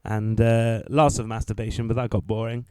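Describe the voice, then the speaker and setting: A young man co-hosting a podcast, telling a story in lively casual chat, swearing freely and acting out what people said. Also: fairly low pitch, normal speed, clear, resonant tone, no echo. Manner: animated storyteller, swears freely, acts out quotes. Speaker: podcast co-host.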